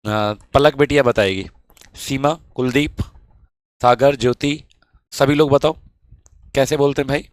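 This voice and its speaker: A man's voice: mid-range voice, measured pace, pauses often, dry recording. A male science teacher running a live online class, chatting with students and reading their comments aloud.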